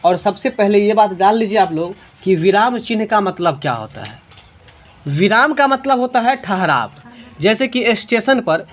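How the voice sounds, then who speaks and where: A woman's voice: medium pitch, animated. Woman teaching a patient classroom lesson. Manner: patient, asks students questions and slows down for examples. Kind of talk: classroom Hindi grammar lesson.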